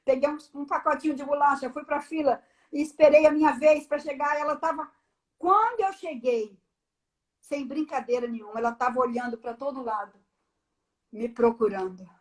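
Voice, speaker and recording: High-voiced woman giving a testimony. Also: moderate pace. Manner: animated storyteller, acts out the dialogue. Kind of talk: personal testimony on a live stream.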